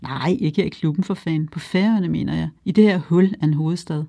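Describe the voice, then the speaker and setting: A narrator voicing a crude, cocky young male sailor, rising high when he mocks. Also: vocal fry, mellow, no echo. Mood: mocking. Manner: crude, mocking.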